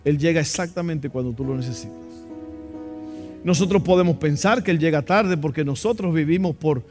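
A man's voice: a little high, moderate pace, music in the background. A man preaching a sermon in a church, impassioned and asking the congregation questions. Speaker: pastor.

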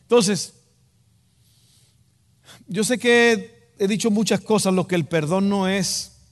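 This sermon comes from a Dominican man with a Dominican Spanish accent and a high voice who takes his time. He speaks to the congregation emphatically and directly, repeating key phrases for weight, in a room with long hall reverb.

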